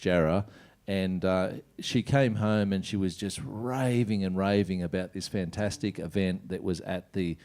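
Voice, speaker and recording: An Australian man hosts a casual live chat show. His voice is mellow, dark and a little low. He talks informally, rambling and cutting into his own sentences as he goes. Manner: rambling, informal, self-interrupting. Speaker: host.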